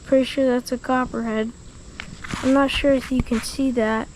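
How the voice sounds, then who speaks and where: A woman vlogging outdoors by a creek, talking excitedly to the camera and exclaiming often. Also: high voice, normal speed, slight background noise, low-quality recording. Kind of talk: casual vlog commentary. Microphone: action camera mic.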